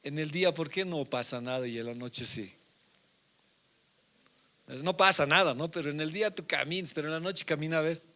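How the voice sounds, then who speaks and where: Middle aged guy pastor doing a sermon, kinda higher voice, gravelly, talks to the congregation like a chat. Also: a little fast, long pauses, sharp tone. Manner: conversational preaching, frequent tag questions.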